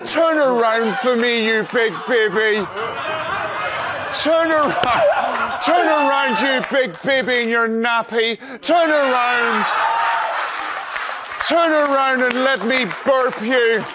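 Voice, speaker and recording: A man playing a doting lover who shouts sing-song baby talk. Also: very high-pitched, takes it slowly, over a noisy crowd, heavy background noise, pitched above the performer's own voice. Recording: loud live studio audience.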